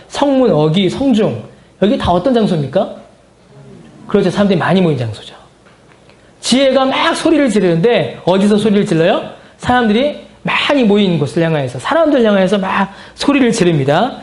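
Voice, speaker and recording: A man with a fairly high voice teaches a Bible class as pastor. He poses questions to his listeners and answers them, repeating words for weight. The room around him is echoey. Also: darkish tone. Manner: repeats key phrases for emphasis. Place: church meeting room.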